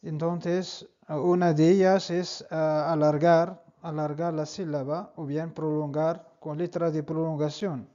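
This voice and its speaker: A man teaching an Arabic lesson, speaking slowly and repeating each word for the learner. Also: on the high side, level tone, warm tone. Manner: slow, repeats words for the learner. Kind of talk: online language lesson. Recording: dull lo-fi sound.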